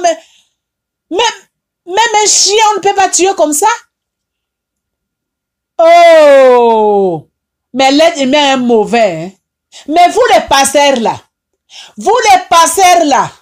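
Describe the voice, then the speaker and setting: Haitian French woman, high-pitched, slow, impassioned and tearful; repeats her rebukes. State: tearful, upset. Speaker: online advice host. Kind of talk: emotional preaching monologue.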